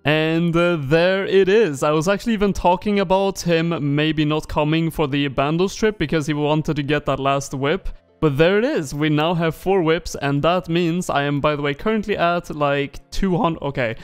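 A male gaming YouTuber talks through his own gameplay, chatty and explaining as he goes. His voice is smooth and slightly high, with faint music in the background. He sounds like he just woke up. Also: moderate pace, hardly any pauses, no echo. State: morning voice. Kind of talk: casual game commentary.

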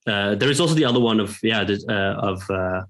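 This male guest in his 30s is a professor from Norway, speaking in a lowish voice on a video call from home, wearing headphones in a room with bookshelves. His reflective interview talk is halting and thoughtful, full of pauses and restarts.

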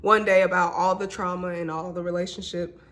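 A woman's voice: lowish voice, flat delivery, fairly quick, a bit bright. A young woman in her twenties from Mississippi speaks to her viewers in a personal vlog. She is candid and emotional, calling them y'all and honey as she tells her story. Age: 20s. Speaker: vlogger.

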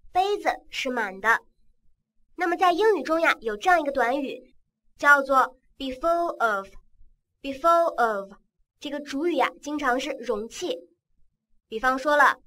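A woman English teacher giving a vocabulary lesson, patiently repeating words and spelling them out slowly in a coaxing classroom tone. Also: sits high, a bit bright.

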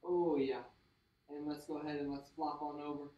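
A man's voice: a little high, normal speed, highs cut off. Breathless, echoey fitness coach man. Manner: energetic hype shouting during sets, calmer during stretches. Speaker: fitness instructor. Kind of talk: kids' workout coaching. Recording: echoey room, mic at a distance.

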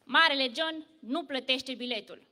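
A woman voicing a big, strong, boastful man who announces himself loudly, in a reverberant church hall. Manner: loud, booming declarations.

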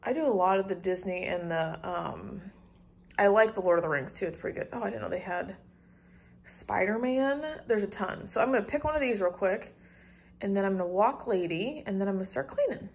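A woman's voice: medium pitch, brisk, vocal fry, slightly rough. Chatty woman vlogging with her phone. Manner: chatty, rambling, many ums and likes, laughs easily. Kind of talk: casual clean-with-me vlog chat. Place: small apartment indoors. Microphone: phone camera held at arm's length.

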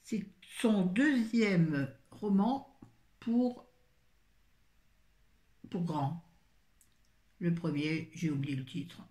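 A woman's voice: low voice, a little mellow, echoey room. Rambling older woman chatting about books. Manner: rambling, self-mocking, chatty asides. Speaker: book vlogger. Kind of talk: casual book review chat.

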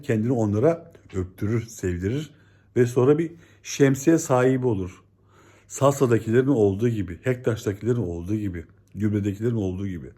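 A man giving a scolding, exasperated monologue as a stock market commentator, swinging between loud outbursts and low, stern warnings. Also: husky. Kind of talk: ranting video monologue.

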